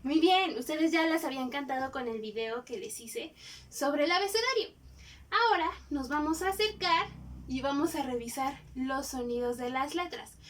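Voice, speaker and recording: A woman teacher, giving a phonics lesson to young children and sounding out each letter slowly and clearly. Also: high voice, fairly bright tone, far from the mic.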